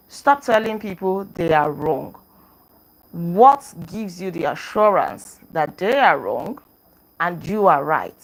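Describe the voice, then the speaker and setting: A woman's voice: mid-range voice, poor audio. A woman host reviewing a self-help book in a casual teaching talk. She is earnest, repeats her points and often checks in with a questioning "right?". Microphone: clip-on microphone.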